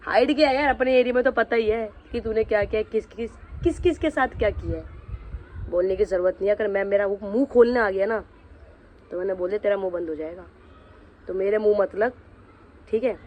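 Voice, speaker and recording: A man's voice: high-pitched, a little fast, a little mellow. A man vlogging, angrily confronting someone directly and threatening to reveal the truth about them. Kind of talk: angry vlog rant.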